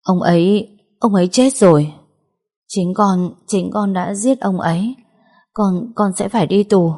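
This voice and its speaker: A woman's voice: deep voice, normal speed, mellow. A woman doing a frightened, commanding mother. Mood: urgent. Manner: stammering, urgent commands. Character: middle-aged mother, frightened but forcing calm.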